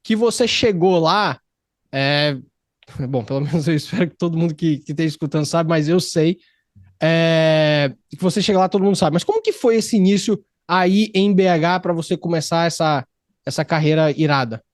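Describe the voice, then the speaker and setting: A man from Brazil, hosting a podcast studio interview in an excited, slangy, rambling way. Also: a little high, moderate pace, dry recording. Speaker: podcast host. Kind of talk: casual interview chat.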